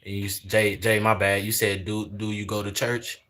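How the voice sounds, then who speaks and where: A man's voice: lowish voice, flat delivery, moderate pace, fairly bright tone. A man in his twenties chatting casually on a livestream, preaching in a repetitive way and sprinkling in "man" and "y'all". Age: 20s. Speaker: livestream host.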